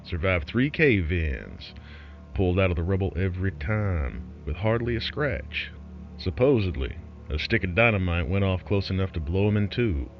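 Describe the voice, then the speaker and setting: Very animated at a moderate pace, a man performs a wry, folksy underground broadcaster spinning a scripted eerie tale on air. His low voice shifts expressively with a sardonic, conspiratorial edge, heard over music in a slightly muffled recording.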